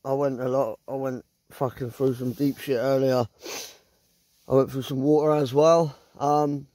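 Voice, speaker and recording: Holding his phone close in a small tent in the woods at night, a middle-aged vlogger with a southern English accent rambles in a blunt, sweary, casual way. His medium-pitched voice is mellow and barely moves in pitch, and his pace is measured. There is no echo.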